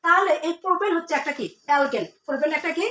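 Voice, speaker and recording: A woman's voice: very high voice, lively intonation, rapid-fire, bright, forceful tone. A woman teaching a chemistry lesson to students, asking questions and then answering them herself, repeating the key terms. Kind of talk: classroom lesson. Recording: echoey room, mic at a distance.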